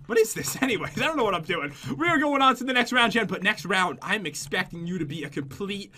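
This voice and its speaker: Brief: bright, animated let's play host, teasing banter over faint noise. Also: medium pitch, fast talker. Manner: jokey, excitable, teasing. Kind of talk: casual gameplay banter.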